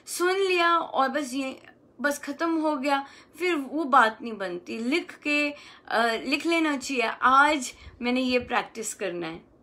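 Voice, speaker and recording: A woman giving a gentle devotional talk as a spiritual teacher, coaxing and affectionate, often checking in with her listeners. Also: high voice, expressive, slow pace. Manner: gentle, coaxing, acts out loving self-talk.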